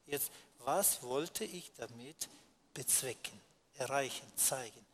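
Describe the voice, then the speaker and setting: A man's voice: mid-range voice, slow pace, fairly bright tone, slight background noise. A man teaching in a sermon, explaining step by step and answering his own rhetorical questions, with frequent hesitations.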